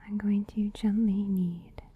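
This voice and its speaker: A woman whispering as a gentle bunny spa attendant. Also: mid-range voice, level tone, takes it slowly, slightly rough, lo-fi sound. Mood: soothing. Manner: soft whisper, teasing, giggly. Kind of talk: ASMR roleplay. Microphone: close mic.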